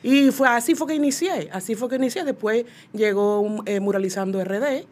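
A muralist and illustrator from Puerto Plata, Dominican Republic, speaks as an interview guest with a Dominican accent, chatting casually and repeating phrases for emphasis. Her voice is a little high and a little mellow, her pace brisk, with faint ambient background noise in the recording.

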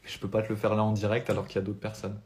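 Young french guy, life coach, earnest pep talk on a live stream, lowish voice. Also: completely flat delivery, very fast, a little mellow. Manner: earnest, motivational, speaks without notes.

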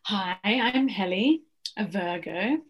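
A woman's voice: medium pitch, slow pace, dull audio. A woman in her thirties from Zimbabwe, a novelist talking about her path in a breezy, chatty way. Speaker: guest novelist. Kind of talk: casual conversation.

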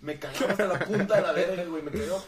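Animated Mexican guy telling a wild story. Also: high-pitched, very fast, distant mic, crowd noise. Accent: Mexican Spanish. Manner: animated, swearing freely, acts out dialogue. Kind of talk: casual storytelling among friends. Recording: roomy sound, somewhat off-mic.

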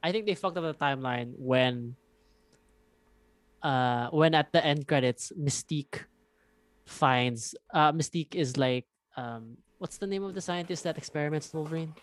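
A young man, co-hosting a casual podcast chat, rambling and animated and swearing freely. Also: on the high side, normal speed, no echo. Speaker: podcast co-host.

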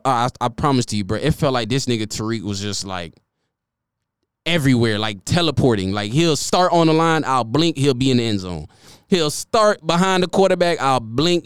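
A young man rants about football in a loose, profane way, his voice leaping high when he is excited and sinking into quiet muttering. His tone is smooth and resonant, and the recording is dry and close. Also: no room sound. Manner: animated, profane, swings between loud excitement and low muttering. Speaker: sports commentary vlogger. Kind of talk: casual sports rant.

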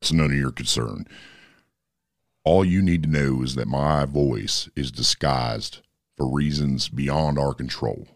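Anonymous network boss, voice disguised to a very low rumble, calm and steady, dry close recording. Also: male voice, measured pace, gravelly, no room sound, full character voice. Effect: disguised voice, pitched very deep. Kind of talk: comedy sketch.

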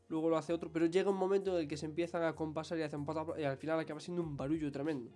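A young man co-hosting a podcast, voice sitting a little high as he tells an anecdote with animated energy. He is talking casually with his friend. Soft music plays faintly behind him. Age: young adult. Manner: animated storytelling, self-conscious about his accent. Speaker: podcast co-host. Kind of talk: casual chat.

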